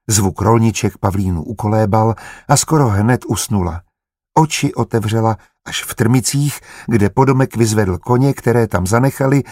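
A man narrating an audiobook in a steady, even storytelling manner. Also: lowish voice, dry recording, clean studio sound.

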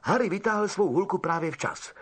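A man's voice: high voice, breathy edge. A man reading a novel aloud as an audiobook narrator, telling it expressively. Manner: expressive storytelling. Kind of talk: scripted narration.

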